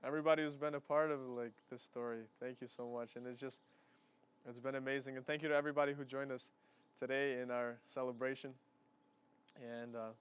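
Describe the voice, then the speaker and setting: A young man thanks his guests in an earnest, unpolished way, linking thoughts with fillers. His voice is remarkably smooth and clear, at a middle pitch. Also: fairly even intonation, fairly quick. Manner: earnest, loosely strung phrases with fillers. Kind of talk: casual thank-you speech.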